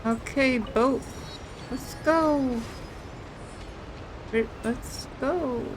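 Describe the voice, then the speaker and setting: A high-voiced woman drags out her words as she plays a video game, chatting casually and reading text aloud. She's giggly and playful, and there's some background noise.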